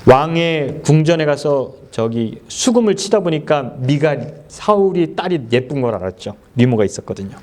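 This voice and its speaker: A male pastor delivering a sermon in a church service, voice a little high for a man. He talks in a very animated way, with wide swings in pitch. He keeps throwing questions at the congregation. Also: moderate pace, few pauses. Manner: animated, quizzes the congregation, laughs often.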